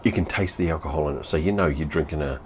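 Speaking fast in an extremely low voice, a Kiwi man in his fifties films himself reviewing beer at home, a TV visible behind him. It's a casual vlog, blunt and sweary, and he keeps repeating himself. A little hiss or hum runs under the audio.

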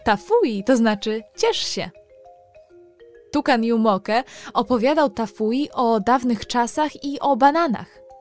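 This children's programme host tells stories playfully to her young audience, her slightly high voice animated yet slow, with a darkish tone. Faint music sits behind her.

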